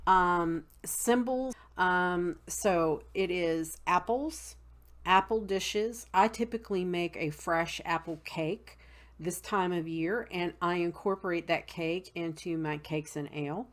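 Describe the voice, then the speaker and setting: A woman with a Southern drawl talks slowly and unhurriedly. She fills her pauses with ums and spells tricky words out letter by letter. Her voice sits a bit low. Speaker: host. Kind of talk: casual teaching talk.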